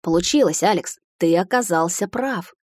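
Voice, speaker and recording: A woman voicing a male executive who speaks in a measured, earnest way. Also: fairly low pitch, expressive, darkish tone, no room sound, clean studio sound. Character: confused, then relieved male executive.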